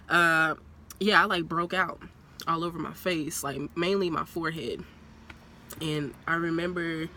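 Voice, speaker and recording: A young woman in her twenties chats to her phone from the seat of a parked car, rambling and laughing easily. Her voice is bright but a little stuffy and nasal from a cold. A faint outdoor hum sits under the recording. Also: low-pitched. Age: young adult. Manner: chatty, rambling, laughs often. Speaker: vlogger. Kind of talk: casual talking-head vlog. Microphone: phone propped on a purse.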